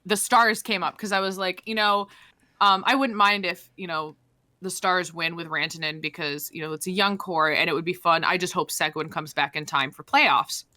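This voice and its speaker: A young podcast co-host speaks with a fairly low voice at normal speed. The talk is casual chat, and she tells stories in an animated, rambling way, full of fillers and restarts.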